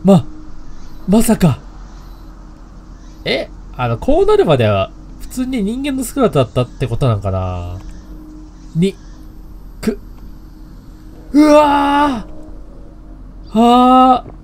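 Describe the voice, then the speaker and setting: A man's voice: sits high, wildly swooping pitch, slow pace, long pauses, warm tone. A man playing a horror game, commenting casually, reading lines aloud and joking. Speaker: game streamer.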